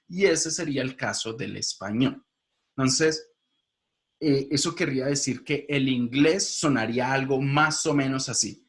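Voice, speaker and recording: A male teacher gives a video lecture in a voice of middling pitch. He explains each point step by step and turns to his viewers with quick questions. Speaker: linguistics teacher.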